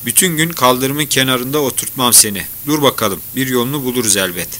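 A man voicing a gruff, impatient street policeman who barks and scolds. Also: medium pitch, fairly quick, sharp tone, a little hiss or hum, close to an everyday voice. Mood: scolding. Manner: barking, scolding.

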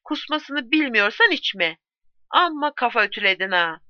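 A gruff, bossy man bullies his drunken friend with blunt commands, as a woman puts him on. He scolds and sneers. The recording is dry and a bit dull. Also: a little high, very animated, normal speed, no room sound, pitched above the performer's own voice. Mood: scornful. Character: gruff, bossy male drinking companion.

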